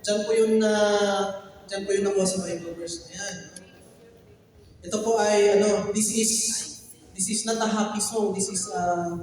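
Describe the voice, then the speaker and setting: A man preaching a lively sermon, mixing Tagalog with English and calling on the congregation to respond. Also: high-pitched, moderate pace. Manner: animated, switching between Tagalog and English, urging the congregation to respond. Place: church hall. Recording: echoey hall, picked up from a distance.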